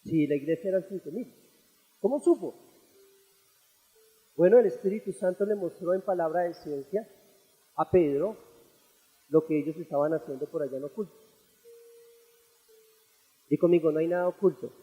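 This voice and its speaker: High-voiced Colombian pastor preaching. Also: male voice, moderate pace, long pauses. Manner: earnest teaching, rising to loud fervent passages. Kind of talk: sermon. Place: church auditorium. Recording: echoey church hall.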